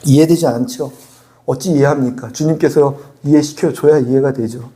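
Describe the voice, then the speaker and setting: Lively preaching pastor, mellow voice. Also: male voice, medium pitch, moderate pace. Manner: lively, chatty preaching with playful voiced asides and laughs. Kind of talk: sermon. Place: church sanctuary.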